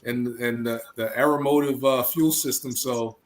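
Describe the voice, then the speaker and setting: A man's voice: mid-range voice, steady tone, moderate pace. A man with an American accent chatting casually on a video call, repeating phrases for emphasis. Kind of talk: casual chat. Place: indoor room on a video call.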